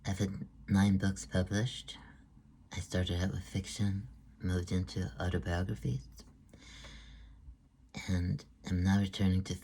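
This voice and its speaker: A middle-aged man from Sweden, an author reading out a book presentation in a measured, even way. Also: low voice, slight background noise. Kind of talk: read-aloud book presentation.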